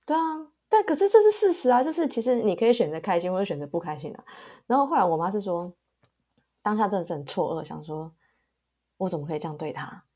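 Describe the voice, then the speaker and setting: A young woman, co-hosting a casual podcast and telling stories calmly, laughing easily. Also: mid-range voice, fast talker. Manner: calm, laughs easily, storytelling. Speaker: podcast co-host. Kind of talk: casual chat.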